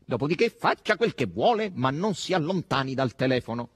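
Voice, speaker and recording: A man's voice: mid-range voice, sing-song, brisk, slightly rough, no echo, voice pushed up. A man voicing a blunt, sardonic male demon henchman in an audiobook reading. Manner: sardonic, teasing, curt.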